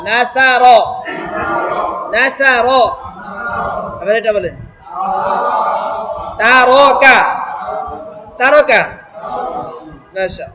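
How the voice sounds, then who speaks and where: High-voiced man drilling Quran syllables slowly. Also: noisy background. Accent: Bangladeshi Bengali. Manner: drills syllables aloud, repeating and asking the class. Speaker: Quran reading teacher. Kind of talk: step-by-step reading lesson.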